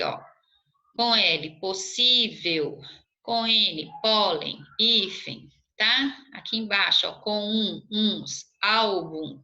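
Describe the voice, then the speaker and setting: A woman teacher walks her pupils through their exercises in a recorded remote lesson. Her voice is bright and ringing, and she slows right down to draw out each word ending. She keeps checking that everyone is following along. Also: medium pitch. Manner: slow, drawn-out syllables when spelling out endings, checking in with "tá bom?".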